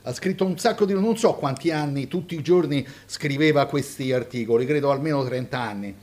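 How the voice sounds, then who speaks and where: A man reading a short story aloud with expressive narration on a web show. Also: medium pitch, brisk. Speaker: reader and guest storyteller.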